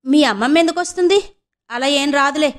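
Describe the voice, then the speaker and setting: A bossy, gruff middle-aged uncle from an audiobook, as a woman narrator puts him on, with loud, curt orders and sharp questions. The voice sits high and carries well. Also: fairly quick, natural voice. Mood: alarmed.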